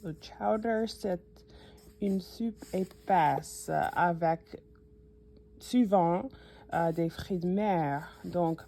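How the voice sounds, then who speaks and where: A native English speaker from the New York suburbs, this woman hosts a cooking channel and speaks with an American accent in a fairly low, mellow voice, drawing out her words. In a casual vlog she hesitantly walks viewers through a cookbook, often using fillers and correcting herself.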